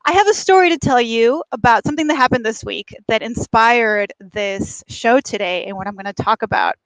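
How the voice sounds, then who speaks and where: A woman from Mexico hosts a conversational livestream as a life coach. Her voice sits a little high, and the sound is very dry, with almost no room to it. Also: normal speed, no room sound, rough recording. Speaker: host, life and career coach. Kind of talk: conversational livestream monologue and interview. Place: at a beach.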